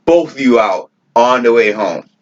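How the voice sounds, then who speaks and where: A man's voice: medium pitch, lively intonation, normal speed. A man co-hosting a podcast, telling a story in casual chat, profane and often laughing. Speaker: podcast co-host. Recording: dull lo-fi podcast audio.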